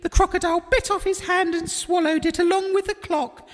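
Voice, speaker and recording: A woman's voice: very high voice, fairly even intonation, fairly quick, big-room sound. A woman playing a fussy, scolding comic mother in an amateur audio pantomime. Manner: scolding, exclamatory.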